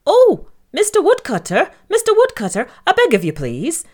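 A young male piglet begs in a high, squeaky storybook voice, as a woman puts him on. He sounds eager and polite. His pitch sits well above a normal speaking voice. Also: wildly swooping pitch, normal speed, darkish tone. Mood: pleading. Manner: squeaky and pleading.

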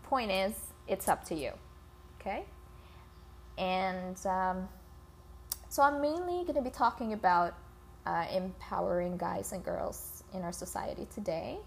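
A woman with a gravelly, creaky voice talks at an unhurried pace, like a casual podcast host addressing listeners directly. Her informal speech is captured on a phone, with light scratching noise in the background. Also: medium pitch, animated. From Philippines. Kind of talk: casual solo podcast intro. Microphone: iPhone.

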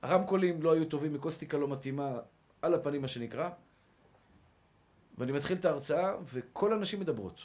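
High-voiced rousing male rabbi. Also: pauses often, a little mellow. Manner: emphatic, rousing, repeats rallying calls. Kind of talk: sermon.

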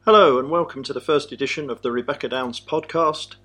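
A man's voice: mid-range voice, fairly quick, a bit bright. An English man hosting a podcast, talking in a dry, self-deprecating way. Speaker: podcast host.

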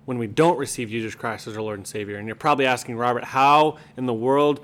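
A man's voice: medium pitch, fairly even intonation, fast talker, fairly bright tone. A man co-hosting a podcast, chatting and explaining in a casual style. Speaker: podcast co-host.

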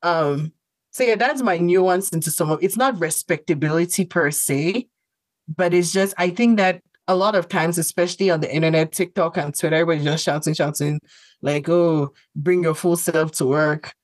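A woman with a fairly low voice talks at a moderate pace in a dry recording. She co-hosts a podcast, isn't a native English speaker, and chats casually yet thoughtfully, with lots of fillers and restarts.

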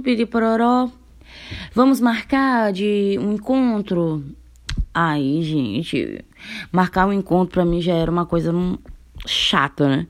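A young woman from Brazil telling a funny personal story in a casual vlog, laughing often and acting out the dialogue. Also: fairly low pitch. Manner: animated, laughing, acts out the dialogue.

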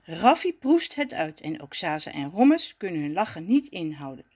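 A woman narrating a children's story in an expressive storybook manner. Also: lowish voice, moderate pace.

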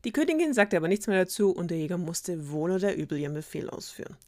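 A woman's voice: fairly low pitch, big pitch swings, fast talker, darkish tone, no echo, clean studio sound. A woman retelling a fairy tale casually, with ironic, slangy asides. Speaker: storyteller.

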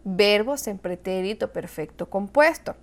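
A woman with a Latin American Spanish accent, a Spanish teacher giving a clear, explanatory video lesson who slows down for example words. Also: mid-range voice, expressive.

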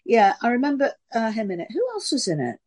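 A woman from Sunderland with a posh southern English accent, an actress telling lively stories in a casual interview. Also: a little high. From Sunderland, England. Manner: lively, animated storytelling with quick voice switches. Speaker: actress and voice artist.

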